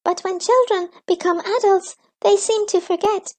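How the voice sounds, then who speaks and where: A woman voicing small, squeaky forest creatures from a children's storybook, earnest and kindly, talking very high and quick. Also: darkish tone.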